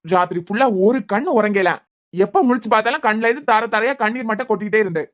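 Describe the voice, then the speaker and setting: A woman with a Kanyakumari Tamil accent voicing a gruff, nagging husband in a cartoon serial, scolding and impatient. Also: medium pitch, fast, natural voice. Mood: puzzled, worried.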